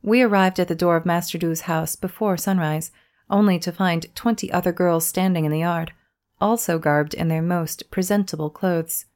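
A woman reading a first-person life story aloud in a steady narrating voice. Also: fairly low pitch, normal speed. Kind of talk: scripted narration.

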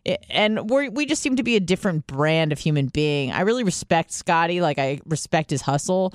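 A woman's voice: fairly low pitch, animated, a little fast, dry recording, studio quality. A woman hosting a podcast in casual chat, rambling and swearing as she gossips about a coworker. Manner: rambling, swearing, gossipy, with mocking put-on voices. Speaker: podcast host.

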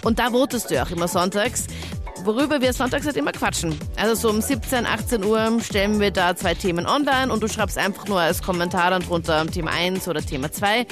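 A woman's voice: medium pitch, brisk, music in the background. A woman with an Austrian accent hosting a radio show, chatty and upbeat as she wraps up and invites listeners to write in. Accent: Austrian German. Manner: bubbly, chatty, laughs along. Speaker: radio host.

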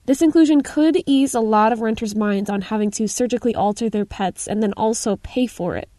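A woman radio host asking measured interview questions in a calm way. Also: a little high, no room sound, studio quality.

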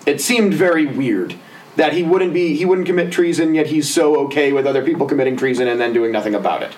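A man's voice: fairly high pitch, fast, a little mellow, distant mic, slight background noise, poor audio. A man co-hosting a casual movie-review podcast, sarcastic and swearing, mimicking characters' lines. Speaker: podcast co-host.

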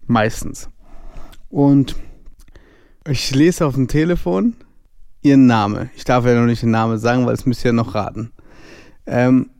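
A young man tells a story in a relaxed, slangy way and acts out the dialogue as he goes. His voice sits at an ordinary pitch. The recording is dry and close to the mic. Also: unhurried, vocal fry, pauses often, clean tone, no room sound. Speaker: podcast co-host. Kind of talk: casual storytelling chat.

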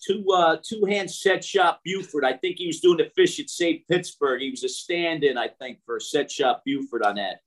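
An older man, a coach being interviewed outdoors, tells anecdotes in a casual, halting, conversational way. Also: fairly high pitch, fairly bright tone. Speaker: shooting coach, interview guest. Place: outdoors, near passing traffic.

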